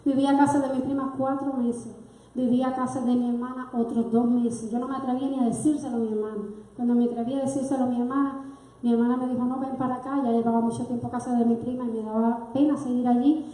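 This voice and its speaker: High-voiced woman testifying in church. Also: level tone, fast talker, warm tone. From Cuba. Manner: earnest, emotional, speaks straight to the congregation. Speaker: church sister giving testimony. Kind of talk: personal testimony in a sermon. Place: church sanctuary. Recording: very echoey church hall.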